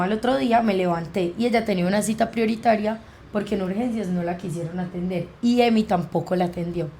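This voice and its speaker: A young woman with a Colombian accent, guesting on a podcast, vividly retells a personal story and acts out the quoted dialogue as she goes. Her voice is mid-range and dark, with a little hiss or hum in the audio.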